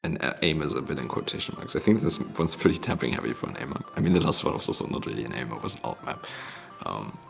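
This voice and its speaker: A very low, creaky male voice with a cave-like echo from an empty meeting room. He hosts a gaming showcase with casual, informal live commentary, his pitch moving around a lot. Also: animated, quick pace, hardly any pauses. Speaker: host of a tournament mappool showcase. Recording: echoey empty room, music behind.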